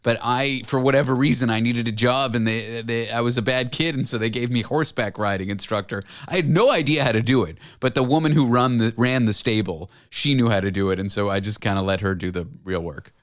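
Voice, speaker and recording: A man's voice: medium pitch, a little fast, few pauses, no room sound, clean studio sound. A man in his thirties hosting a radio show, chatting casually with rambling, self-deprecating asides. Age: 30s.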